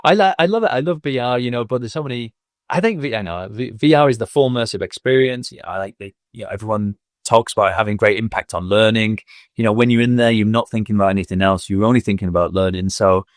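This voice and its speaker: A Mancunian man in his thirties from Manchester, England, who owns a school, reflects on his career as a guest in a podcast interview, using frequent fillers. His voice is lowish and quick, recorded with clean studio sound and no echo.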